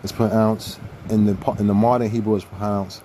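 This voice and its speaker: A man with a lowish, warm, mellow voice teaches from scripture in a preaching style. He is earnest and emphatic and circles back to repeat key phrases. A faint hum of noise sits under his voice. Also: flat delivery, brisk.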